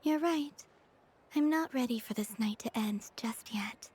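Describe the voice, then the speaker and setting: A woman playing a gentle, reserved young moon goddess in a video game, soft, earnest and understated. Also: high-pitched, lively intonation, measured pace, noisy background. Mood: soft, hesitant. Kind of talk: video game character acting. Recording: music behind the voice.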